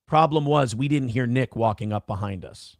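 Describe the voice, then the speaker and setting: A man's voice: medium pitch, moderate pace, dry recording, clean studio sound. A man telling a long personal story on a live call-in show, casual, profane and rambling. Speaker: guest telling his story.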